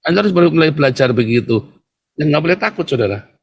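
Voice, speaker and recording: Hosting a livestream, a man with a fairly high, expressive voice and a breathy edge talks fast, mocking and provoking his viewers directly while laughing scornfully.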